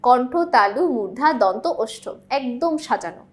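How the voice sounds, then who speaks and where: A woman's voice: a little high, moderate pace. A woman teacher going through multiple-choice exam questions, explaining each answer patiently and often checking in with her students.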